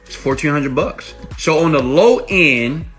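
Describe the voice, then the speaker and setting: Here an online money-making coach speaks in a slightly high, animated voice that is a bit bright and a little slow, with soft background music. Using an iPhone microphone, he delivers an emphatic motivational tutorial pitch and keeps asking viewers rhetorical questions.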